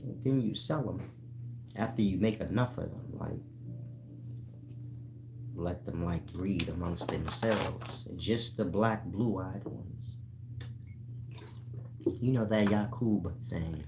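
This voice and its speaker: An American man who hosts a channel as an online spiritual teacher gives a casual explanatory monologue, blunt, colloquial and full of swearing, often checking that listeners are following. His voice is low-pitched and slow with long pauses, set against a noisy background with music.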